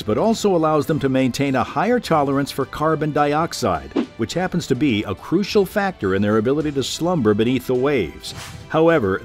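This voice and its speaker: A man reading scripted nature documentary narration in a measured, formal storytelling way. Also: medium pitch, a little mellow. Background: background music.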